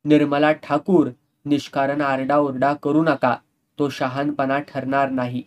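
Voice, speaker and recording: A man's voice: medium pitch, level tone, a little slow, lightly acted. A man voicing a cold, menacing male henchman who gives orders sharply. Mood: threatening. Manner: cold, threatening.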